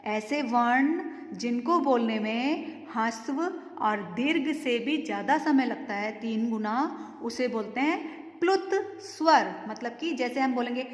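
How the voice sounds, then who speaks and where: Casting: woman teacher, high-pitched, unhurried, quizzes kids then answers herself; echoey room with long reverb. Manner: patient, asks questions and answers them herself. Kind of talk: grammar lesson for children.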